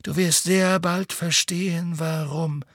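A man voicing an old, wise wizard headmaster in an audiobook, earnest and measured. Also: sits high, steady tone, no echo, studio quality, voice pushed up. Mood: insistent. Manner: earnest, measured, drops to a whisper. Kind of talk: audiobook reading.

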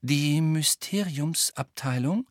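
Guy doing a spacey calm teen girl, slow and mild. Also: a little high, no room sound, studio quality, voice pushed up. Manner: serene, mild. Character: dreamy, calm teenage girl.

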